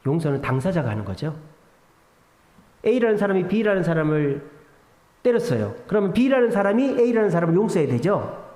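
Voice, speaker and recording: A man with a high-pitched voice delivers a sermon in a church, and his pitch swings widely as he moves between questions and answers. He fires rhetorical questions at the congregation and acts out other people's words dramatically. The recording is echoey, with a long hall reverb. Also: very animated, normal speed, pauses often, warm tone. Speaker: pastor. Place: church sanctuary.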